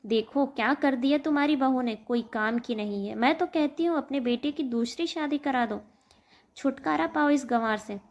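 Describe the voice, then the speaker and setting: A woman's voice: sits high, moderate pace, dull audio. A woman voicing mocking, gossiping neighbour women in a told story.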